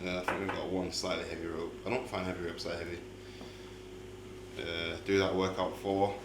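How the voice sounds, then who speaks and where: A man's voice: deep voice, little pitch movement, normal speed, background noise. A man who is an athlete, chatting on a vlog in a laid-back, teasing way. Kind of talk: casual vlog chat.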